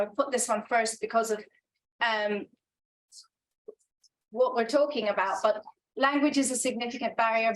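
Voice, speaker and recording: Speaking in a fairly high voice, a woman researcher delivers an earnest, reflective conference talk. She's hesitant, with many restarts and filler sounds, and the recording is low quality.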